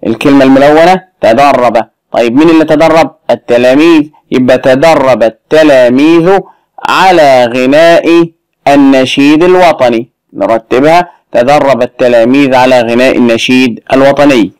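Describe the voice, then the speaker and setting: A man's voice: mid-range voice, normal speed, darkish tone, smooth, no room sound. A man with an Egyptian Arabic accent teaching a lesson to young children, explaining step by step and asking the class questions as he goes. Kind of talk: recorded lesson walkthrough.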